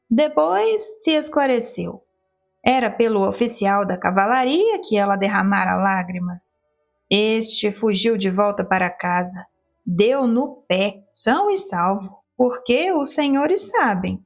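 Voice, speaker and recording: A woman reading a first-person literary story aloud in an expressive, theatrical storytelling manner. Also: on the high side. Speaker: audiobook reader.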